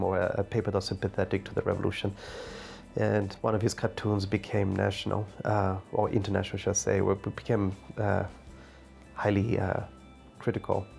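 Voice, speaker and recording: A man's voice: low-pitched, creaky, a little mellow. A man from Zimbabwe, an artist and art teacher, speaking thoughtfully in a documentary interview and searching for his words.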